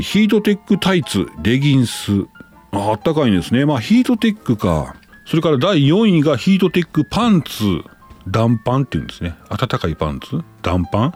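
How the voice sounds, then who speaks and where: Kansai guy reading out listener mail, chatty, bouncy pitch. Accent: Kansai Japanese. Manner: chatty, animated, reads letters aloud with asides. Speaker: podcast host reading listener letters. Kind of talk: casual chat.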